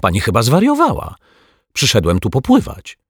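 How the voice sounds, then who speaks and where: A man's voice: deep voice, wildly swooping pitch, moderate pace, gravelly, slightly rough, no room sound, studio quality, heavily acted. A man voicing a dreamy, absent-minded detective in a children's audiobook, puzzled and earnest.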